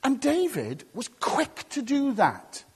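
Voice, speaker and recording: Male pastor, husky and expressive, emphatic sermon style, long church reverb. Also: very high voice, slow pace. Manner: emphatic and repetitive, punchy short phrases; conversational asides to the congregation.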